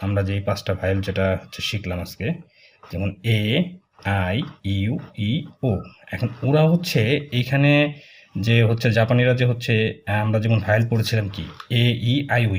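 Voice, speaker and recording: A man, teaching a casual language lesson, talking slowly and repeating filler words as he writes strokes. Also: mid-range voice, darkish tone. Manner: slow, repetitive, with many fillers while drawing strokes. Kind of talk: casual spoken lesson, explaining while writing.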